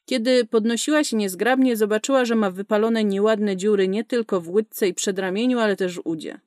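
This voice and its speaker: A woman reads science fiction aloud in a brisk, vivid storytelling manner. Her voice sits at a middle pitch. The recording is dry and close, with no room around it. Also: darkish tone, no echo. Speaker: audiobook narrator. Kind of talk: scripted narration.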